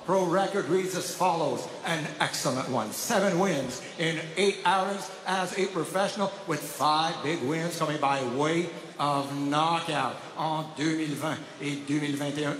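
A man's voice: a little high, fairly bright tone. A man working as a boxing ring announcer, with a formal, theatrical delivery that stretches out names and titles. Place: large indoor boxing arena, over PA. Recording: echoey arena PA, long reverb, faint noise.

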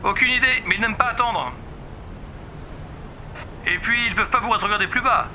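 A man voicing a brisk police radio dispatcher in a video game. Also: high-pitched, bright, forceful tone, a little hiss or hum, pitched above the performer's own voice, low-quality recording. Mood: brisk, dry. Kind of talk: acted video game dialogue.

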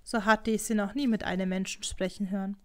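A woman reading an audiobook in calm, scripted narration. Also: medium pitch, a little fast. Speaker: audiobook reader.

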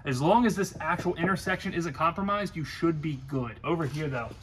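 A man's voice: on the high side, brisk, fairly bright tone, a little hiss or hum. Blunt, profane man in a garage. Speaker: shop mechanic and co-host. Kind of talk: casual shop banter. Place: car shop garage.

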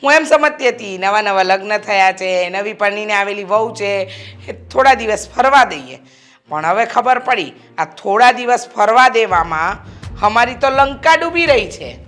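A woman's voice: medium pitch, lively intonation, normal speed, a bit bright, faint music behind, natural voice. A middle-aged woman playing a bossy, scheming mother-in-law who protects her son. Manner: bossy, scolding.

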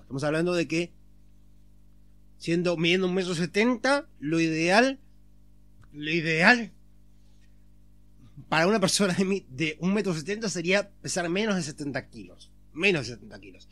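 A man's voice: on the high side, fairly bright tone. A man talking casually to camera as a vlogger, explaining step by step, checking in often with a questioning tag, and restarting phrases as he thinks aloud.

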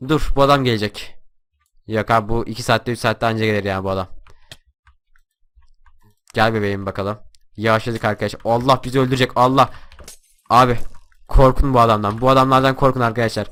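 A young man talks fast through his gameplay. His voice is bright and forceful, and he yells and taunts the other players when the action heats up. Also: medium pitch. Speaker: gaming YouTuber. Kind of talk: live gameplay commentary.

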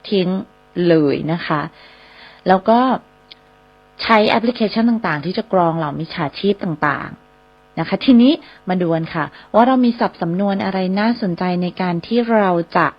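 A woman hosting a radio English lesson, spelling English words slowly letter by letter and repeating phrases for listeners. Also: on the low side, animated. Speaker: radio host and English teacher. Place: radio studio. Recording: slightly dull radio broadcast sound.

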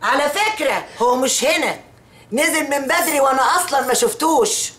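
An actress playing a sharp-tongued mother figure with an Egyptian accent, brisk and teasing. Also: high-pitched, animated. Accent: Egyptian Arabic.

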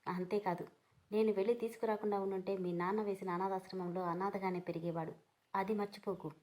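A calm young husband from a read-aloud story, teasing and cool, as a woman narrator puts him on. He talks evenly and mocks his wife without raising his voice. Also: medium pitch, fairly quick, lightly acted. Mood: firm. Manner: cool, mocking.

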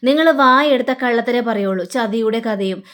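A woman's voice: fairly high pitch, normal speed, fairly bright tone, natural voice. A woman voicing a bitter wife who coldly accuses her husband and refuses to forgive him. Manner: cold, accusing.

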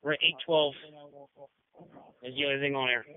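A man working as a fire dispatcher over a two-way radio, reading back unit numbers in quick, clipped bursts. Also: medium pitch, steady tone. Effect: heard over a two-way radio. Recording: tinny narrow-band radio, dry.

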